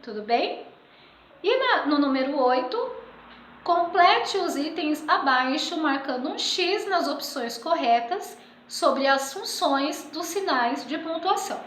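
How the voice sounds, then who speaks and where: Teacher lady, high voice, patient, keeps checking in, echoey room. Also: takes it slowly, slight background noise. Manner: patient, checks in often with "tudo bem?"; reads example sentences aloud with lively expression. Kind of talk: remote school lesson going through exercises.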